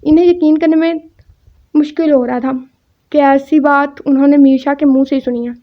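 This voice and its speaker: Reading a romance novel aloud, a female audiobook narrator handles both the narration and all the characters' dialogue without changing her voice. Her voice is high and steady, and the recording sounds dull and lo-fi.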